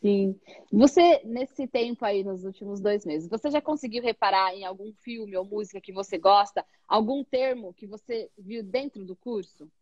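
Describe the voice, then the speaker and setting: A woman English teacher chatting casually with a student, explaining with lively examples and checking in often. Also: medium pitch, normal speed, dry recording, highs cut off. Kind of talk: casual interview chat.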